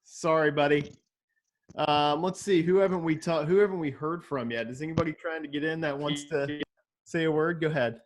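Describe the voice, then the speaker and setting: A man's voice: fairly high pitch, fairly even intonation, normal speed. A man facilitating a casual video call discussion, friendly and inviting others to speak. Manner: friendly, hands the floor to others.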